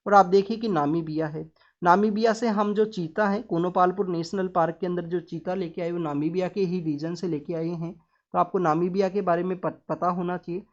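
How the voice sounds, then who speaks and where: A female exam-prep teacher with a lowish voice and fairly even intonation moves fairly quickly through a newspaper analysis lesson. Lecturing step by step with English terms mixed in, she often turns to address her students directly. The recording is slightly dull and muffled.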